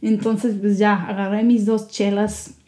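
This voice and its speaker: Animated young woman telling a story. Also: unhurried. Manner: animated, acts out quotes with rising pitch. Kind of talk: casual storytelling vlog.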